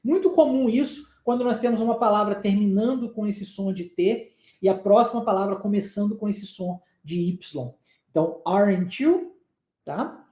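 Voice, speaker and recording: A woman's voice: fairly high pitch, warm tone, roomy sound. A woman with a southeastern Brazilian accent, giving a patient English pronunciation lesson and repeating phrases for drills. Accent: Brazilian Portuguese, southeastern. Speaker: English teacher.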